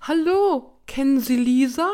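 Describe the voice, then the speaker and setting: A woman reading aloud puts on a frail, confused old grandmother who calls out again and again, her voice pitched high above the narration and noticeably loud. She sounds fretful and shrill, with an insistent, repeating cadence in an audiobook style. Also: sing-song, slow pace, full character voice. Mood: desperate. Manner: high, loud, repetitive calling out.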